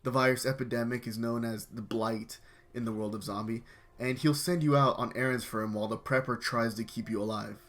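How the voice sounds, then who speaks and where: A man's voice: medium pitch, steady tone, a little fast, a bit bright. Dry-voiced young man reviewing a game. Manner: dry, dismissive critique. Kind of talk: scripted review narration.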